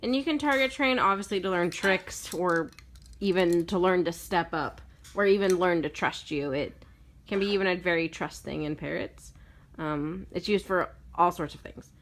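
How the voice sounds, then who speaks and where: Speaking at a moderate pace in a lowish voice, a stuffed-up woman with a cold rambles through a casual parrot-training demonstration. Ums and self-corrections pepper her explanation as the bird's owner.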